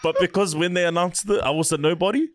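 A man, chatting casually as a podcast guest and actor, laid-back and quick to laugh. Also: high voice, no room sound, clean studio sound. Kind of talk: casual chat. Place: studio.

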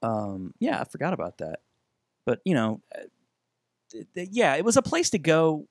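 A man's voice: on the high side, wildly swooping pitch, moderate pace, no echo. Casual man chatting on a dry mic. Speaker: podcast co-host. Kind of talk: casual reminiscing chat.

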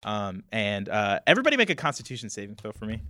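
A man's voice: fairly low pitch, huge pitch swings, quick pace, noisy background. A man acting as game master, narrating a tabletop game in a hesitant way full of fillers. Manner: hesitant, many fillers, laughs often.

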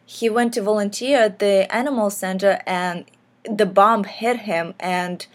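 A woman's voice: mid-range voice, a little slow. A young woman from Ukraine hosting a podcast, talking earnestly and casually with lots of fillers. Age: young adult. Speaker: podcast host. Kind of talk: casual personal podcast talk.

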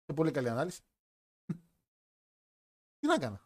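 This wrestling podcast host's voice is fairly high and husky, swooping wildly in pitch. He hosts a live wrestling chat stream in a joking, chatty manner, rambling and starting over mid-thought.

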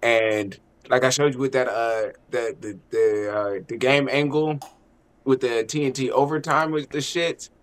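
A man's voice: mid-range voice, fairly even intonation, unhurried, clear, resonant tone. A man co-hosting a podcast, a parent, talking in loose, profane, joking banter with frequent laughs. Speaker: podcast co-host. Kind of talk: casual chat.

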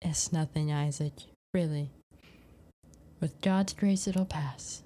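A woman's voice: low voice, slow. Woman voicing a polite young wife. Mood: guarded. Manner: courteous, bright on the surface.

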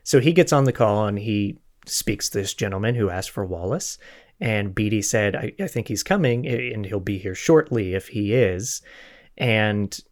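The podcast host's fairly low voice is expressive and moves at a moderate pace while he recounts a historical mystery from the true crime genre. He tells it informally, joking on the side and fixing his own slips.

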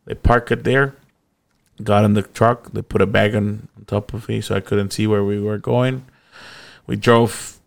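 A man's voice: fairly low pitch, flat delivery, a little slow, creaky. A young man casually telling a long personal story, rambling and laughing often.

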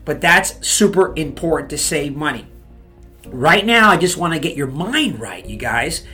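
A man's voice: on the high side, big pitch swings, normal speed, bright, forceful tone, soft background music. A man giving real estate advice in a motivational talk, fired up, pushing his listeners with repeated "okay?" and "you guys.".

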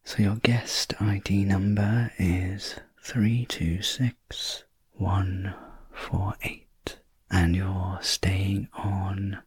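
A man in a whispered role-play as a sleep story narrator, voicing a calm, reassuring spacecraft sleep technician in a breathy, gentle whisper. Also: lowish voice, dry recording, full character voice.

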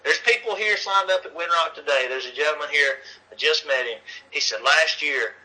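A man's voice: fairly high pitch, brisk, pushed and bright, rough recording. A man being interviewed as a racing league organizer, talking in an earnest, folksy way and rallying listeners. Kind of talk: casual interview chat.

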